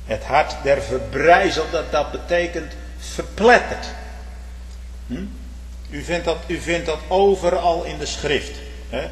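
A man preaching a sermon, using old-fashioned biblical phrasing and tag questions to his listeners, moving between quiet musing and loud, fervent emphasis. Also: on the high side, takes it slowly. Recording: echoey church hall with long reverb.

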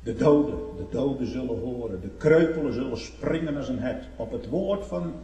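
A preacher giving a sermon. He rises loud and slow at high points and drops to quiet asides, often throwing in a questioning "hm?". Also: animated, slight background noise. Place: church. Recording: echoey hall, far from the mic.

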